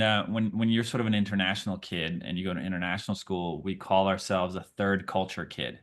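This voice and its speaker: A Brazilian actor whose first language is Portuguese answers interview questions in a friendly, chatty style, thinking aloud as he goes. His voice is low-pitched with a fairly bright tone.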